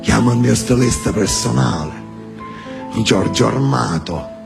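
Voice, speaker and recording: A man playing a deadpan Sicilian mafia boss in a comedy sketch, with a southern Italian accent and slow, deliberate, understated menace. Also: fairly low pitch, gravelly, pitched below the performer's own voice, full character voice. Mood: calm menace. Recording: stage hall reverb, music behind.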